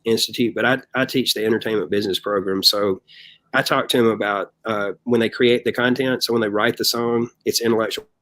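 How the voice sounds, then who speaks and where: A man's voice: on the low side, a little fast, no echo, rough recording. A man telling stories in a casual interview, acting out quoted voices and often saying "man". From United States. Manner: animated storyteller, acts out quotes, says "man" often. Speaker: band member guest.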